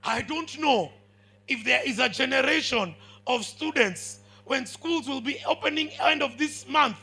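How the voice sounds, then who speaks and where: Preaching a sermon to students, this man with a Kenyan accent has a very high, bright, forceful voice with a slight roughness. His pace is a little slow, yet his delivery is big, commanding and emphatic, and he repeatedly asks the audience if they're following along.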